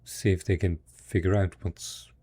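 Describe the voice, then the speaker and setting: In an intimate post-apocalyptic audio drama, a man plays a devoted male survivor, his low, husky voice carrying a gravelly rasp and a mellow quality. He speaks slowly and tenderly yet with flat delivery, coaxing his beloved spouse with stubborn hope, sounding curious and hopeful.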